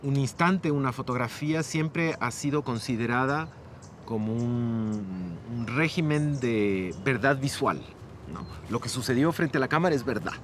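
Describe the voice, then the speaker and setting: A man's voice: mid-range voice, animated, a little slow, a little hiss or hum. A man with an Ecuadorian Spanish accent, explaining in an academic way as a curator in a documentary interview.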